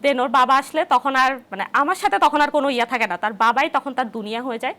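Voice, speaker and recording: A mother with a high voice talks about her son at home as a guest on a studio program. Her speech is loose and conversational, with plenty of restarts. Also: quick pace, sharp tone. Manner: conversational, frequent "mane" fillers.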